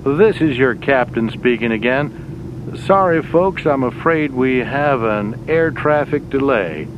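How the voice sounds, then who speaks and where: An airline captain over the intercom. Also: male voice, lively intonation. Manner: measured, deliberate delivery. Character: calm male airline captain making cabin announcements. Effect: over the aircraft intercom. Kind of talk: scripted in-flight announcements for a language lesson. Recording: muffled lo-fi audio with engine rumble.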